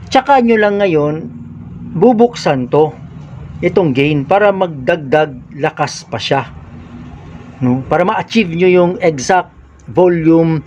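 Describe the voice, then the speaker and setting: A man's voice: fairly high pitch, highs cut off, a little hiss or hum. A man demonstrating mixer settings in a casual how-to vlog, explaining step by step in a small room. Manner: explains step by step, shouting test calls into the mic. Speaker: audio equipment vlogger.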